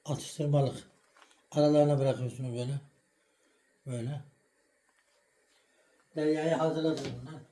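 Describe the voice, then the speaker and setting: A man's voice: on the high side, dark tone. A middle-aged man hosting a casual home vlog, making a sandwich for viewers and then calling and coaxing an animal. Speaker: vlog host. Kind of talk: casual cooking and farm vlog.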